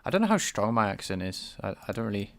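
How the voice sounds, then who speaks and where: Speaking fast with big pitch swings, this man has a fairly low, creaky voice of fairly bright tone and a light Scouse accent. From England, he streams game programming through a desk microphone, thinking aloud, answering chat and enunciating carefully.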